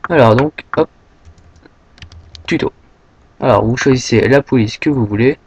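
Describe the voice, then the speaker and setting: A young man from France giving a casual, rambling software tutorial, full of fillers and a habit of saying "hop" as he clicks. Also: medium pitch, unhurried, vocal fry, slight background noise, poor audio. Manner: rambling, filler-heavy, says "hop" often. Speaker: tutorial maker.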